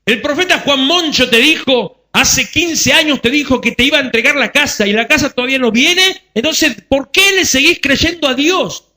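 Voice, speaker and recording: The devil as a preacher puts him on: a mocking liar who fires quick questions one after another, with a Rioplatense accent. The voice sits high and sounds bright and tense. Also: male voice, full character voice. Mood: taunting. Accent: Rioplatense Spanish. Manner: mocking rapid-fire questions. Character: the devil as a taunting liar, male.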